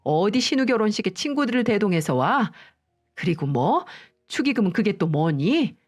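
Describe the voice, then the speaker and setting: A woman voicing a shouting, scolding mother-in-law. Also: mid-range voice, big pitch swings, normal speed. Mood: furious. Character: angry scolding middle-aged mother-in-law.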